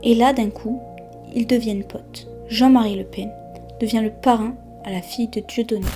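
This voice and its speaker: Dramatic woman narrator, dark and low-toned. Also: fairly even intonation, normal speed. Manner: punchy, dramatic short phrases. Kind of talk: scripted documentary narration. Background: soft background music.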